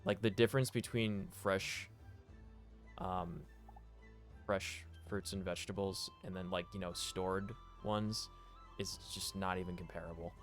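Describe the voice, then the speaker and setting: A man's voice: sits low, fairly even intonation, measured pace. A man streaming a video game with casual, slangy, laid-back commentary. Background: game music.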